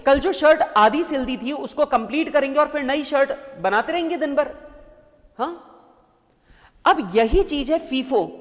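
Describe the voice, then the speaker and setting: A man lecturing a class in a joking, lively way. He keeps asking the students questions and telling them to answer. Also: very high voice, unhurried, in a large hall. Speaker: teacher.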